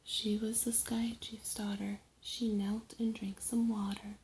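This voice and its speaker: A woman storyteller narrating a trickster folk tale in short, deliberate phrases with dramatic pauses. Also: mid-range voice, flat delivery, a little mellow, breathy edge, low-quality recording.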